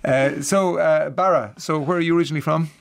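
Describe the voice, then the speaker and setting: A man hosts a radio panel, prompting his guests with easy conversational questions. His voice sits somewhat high for a man. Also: fairly quick, creaky. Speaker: radio host. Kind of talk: radio interview.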